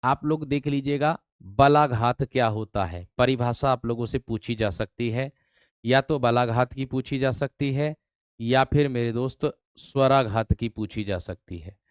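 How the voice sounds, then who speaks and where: A man teaching an online grammar class for exam students, often asking whether the class has understood and repeating words slowly as he writes. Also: medium pitch, clear, resonant tone, dry recording, clean studio sound. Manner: repeats words slowly while writing on a board; asks the students frequent check-in questions. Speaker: Hindi teacher.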